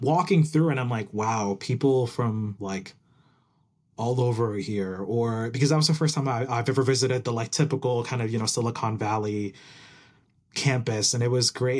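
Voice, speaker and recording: The guest in this relaxed interview is a program manager, a young Puerto Rican man who grew up in New Jersey; he talks with real enthusiasm and frequently closes with "right?". He has a husky, mid-range voice with a darkish tone.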